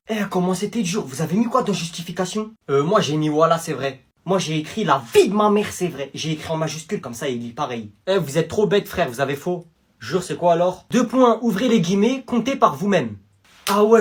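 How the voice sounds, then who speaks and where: A man performing comedy sketches, switching between a teacher, a guard and cheeky teenagers. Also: high-pitched. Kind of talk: comedy sketches, playing several roles.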